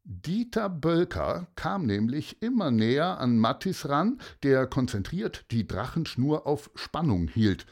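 Male children's-story narrator, slow and husky, very lively pitch. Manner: measured, expressive storytelling.

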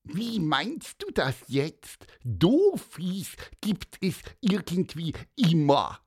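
A man voicing a small, curious, cheeky bird with a high, squeaky, piping voice and a lively lilt. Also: very slow, husky, heavily acted. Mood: sympathetic.

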